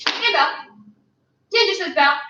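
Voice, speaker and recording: High-voiced, fast-talking woman martial arts instructor. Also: background noise. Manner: energetic, fast-talking, calls out drills. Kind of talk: live online kids' martial arts class. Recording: roomy, dull-sounding room audio.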